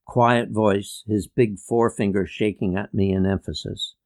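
A man reading a memoir aloud in a measured, reflective way. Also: lowish voice, fairly even intonation, a little mellow. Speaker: reader.

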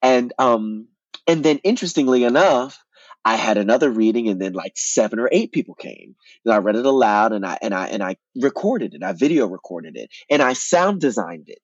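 A man, an actor and playwright, telling his story as an interview guest in an animated way, often repeating words and restarting. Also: mid-range voice, a little fast, dry recording, highs cut off.

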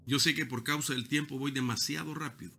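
A man's voice: mid-range voice, steady tone, brisk, vocal fry, bright, forceful tone, soft background music. A man preaching a sermon with emphasis, stretching key words and sometimes repeating himself.

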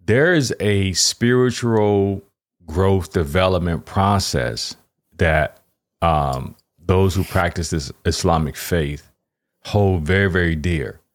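A man's voice: sits low, slow. A man hosting a podcast, a chaplain, asking rambling questions and repeating words. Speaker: podcast host and Navy chaplain. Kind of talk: casual interview talk.

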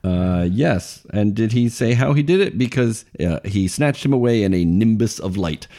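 A man's voice: lowish voice, lively intonation, moderate pace, mellow. A man in his forties co-hosting a podcast in casual chat, joking and laughing often. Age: 40s. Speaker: podcast co-host.

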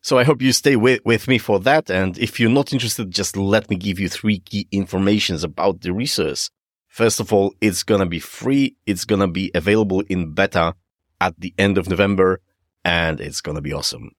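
A man's voice: sits low, moderate pace, dry recording, studio quality. A man with a Polish accent hosting a podcast solo, enthusiastic and informal as he speaks directly to listeners. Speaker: podcast host. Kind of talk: solo podcast presenting, semi-scripted.

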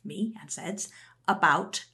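A woman's voice: fairly low pitch, takes it slowly, pushed and bright. Chatty enthusiastic woman podcast host. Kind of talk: casual podcast chat.

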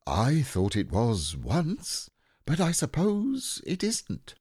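A man voicing a gentle, simple-hearted bear with a doleful, hesitant way of talking. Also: medium pitch, huge pitch swings, takes it slowly, husky, dry recording, studio quality, voice pushed up, heavily acted.

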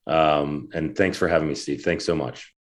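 A man, a guest on a podcast, thanking the host in a relaxed, grateful way. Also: very deep voice, normal speed. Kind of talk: casual interview chat.

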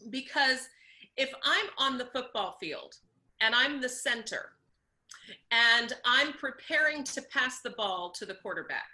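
A woman's voice: fairly high pitch, lively intonation, measured pace, sharp tone. A woman voice coach answering interview questions, explaining technique and demonstrating sounds as she goes. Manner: instructive, demonstrates vocal sounds.

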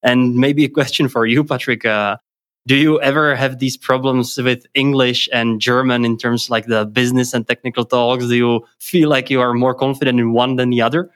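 A man from the Czech Republic with a Czech accent, co-hosting a podcast in casual chat, chatty and quick to laugh, with many fillers. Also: medium pitch, fairly even intonation, fairly bright tone. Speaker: podcast co-host.

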